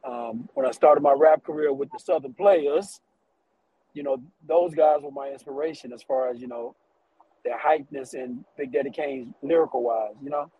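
A man's voice: fairly high pitch, fairly even intonation, normal speed, phone-quality sound, slight background noise. A man being interviewed as a rapper, talking in a laid-back casual way.

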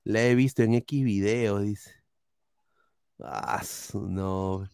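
A man hosting a casual sports podcast, joking and reading out chat messages in a halting way. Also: on the low side, fairly even intonation, gravelly, darkish tone, clear, resonant tone, no echo. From Peru. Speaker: podcast host.

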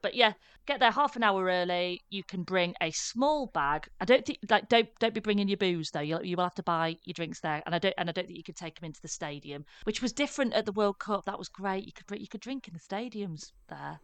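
Chatty woman, smooth voice. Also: mid-range voice, brisk, dry recording. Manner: chatty, animated, laughing asides. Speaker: podcast co-host. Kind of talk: casual chat.

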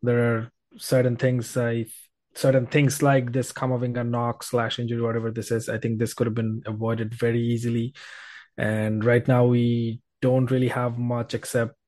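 A male podcast co-host who speaks in a subdued, low-key way. His pitch barely moves. The recording is dry, with no echo. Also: monotone, normal speed, a little mellow. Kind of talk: casual podcast chat.

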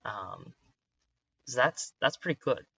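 A man's voice: mid-range voice, animated, takes it slowly, creaky, fairly bright tone, husky, no echo, rough recording. A man hosting a podcast interview, asking curious, upbeat questions with frequent hesitations. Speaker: podcast host. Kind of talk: casual interview chat.

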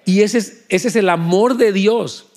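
A male pastor preaching a sermon in church. His voice sits a little high and climbs higher on emphatic phrases. Between the peaks he drops to soft, trailing asides to the congregation. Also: measured pace.

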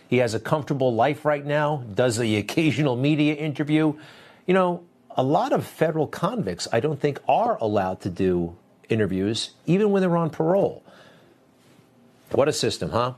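Wry man with very animated intonation. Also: on the high side. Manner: wry, rhetorical questions and asides. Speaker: talk show host. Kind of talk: opinionated conversational monologue to audience.

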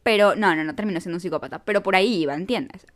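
A young woman telling a storytime to camera in an animated, self-mocking way. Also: fairly low pitch, rapid-fire. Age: young adult. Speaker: vlogger.

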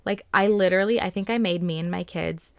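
Chatty thirtysomething woman co-host, a bit of fry in the voice, dry close sound, tells stories with quoted voices. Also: fairly low pitch, brisk, no echo. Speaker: podcast co-host. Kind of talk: casual chat.

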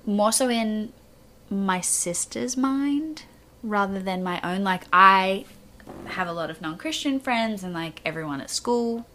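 A woman's voice: mid-range voice, animated, unhurried, sharp tone, a little hiss or hum. A young woman telling a story as an interview guest, acting out the dialogue and laughing often. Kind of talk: casual interview chat.

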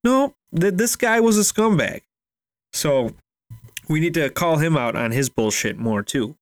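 A man's voice: on the high side, animated, measured pace, dry recording, studio quality. A man co-hosting a casual sports podcast, giving opinions in a blunt, emphatic, colloquial way.

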